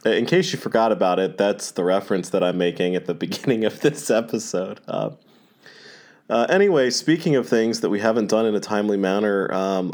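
A man with a deep, low-pitched voice speaks as a podcast host on a low-quality recording. He talks hesitantly and fills his pauses often. He sounds like he is still recovering from an illness. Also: a little mellow. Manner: hesitant, many filler pauses. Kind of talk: casual spoken announcement.

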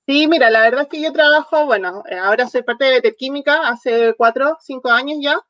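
A woman from southern Chile with a Chilean Spanish accent, a veterinarian and product manager, is a guest in an online interview. She answers questions in a friendly, explanatory way with frequent fillers. Her high voice is a bit bright and a little fast, and the recording is dry and muffled.

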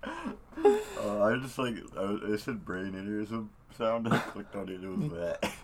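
A man's voice: lowish voice, big pitch swings, unhurried, noisy background. A young man joking bluntly in a casual chat with a friend, laughing between lines.

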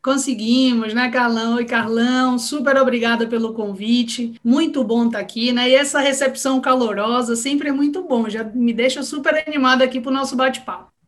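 A woman's voice: on the high side, steady tone, normal speed. Chatty Bahian-accented woman guest. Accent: Northeastern Brazilian, Bahian. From Salvador, Bahia, Brazil. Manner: friendly, chatty, frequent tag questions. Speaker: guest, marketing executive. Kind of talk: conversational interview answers.

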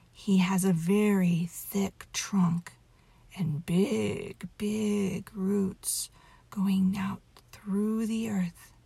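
Female meditation guide: unhurried, very airy half-whisper, gentle storytelling, intimate close-to-the-ear delivery. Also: medium pitch, no room sound. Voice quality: soft, breathy, half-whispered.

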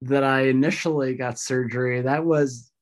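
A woman guest in a casual interview, explaining things thoughtfully, her voice a little rough after vocal surgery. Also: extremely low pitch, steady tone, normal speed.

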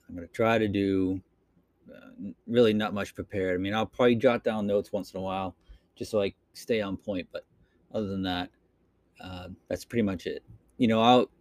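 Speaking into his computer microphone, a podcast host from Boston, Massachusetts, wanders through an unscripted monologue full of fillers and false starts in his native accent. He has a lowish, somewhat dark voice, and there's no echo in the clip.

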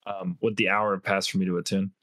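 A man playing in a tabletop game who asks hesitant questions padded with ums and likes. His voice sits low, and the recording is dry and close. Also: little pitch movement, fast, fairly bright tone, no echo. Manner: hesitant, filler-heavy questions. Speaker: player. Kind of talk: casual game chat.

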